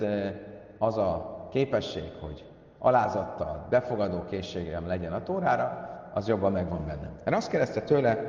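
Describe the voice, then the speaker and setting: A man's voice: on the low side, darkish tone. Man teaching Talmud in an echoing hall. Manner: reads Aramaic lines then explains in Hungarian, with many fillers. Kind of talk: Talmud lesson retelling stories. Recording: echoey hall, far from mic, dull sound.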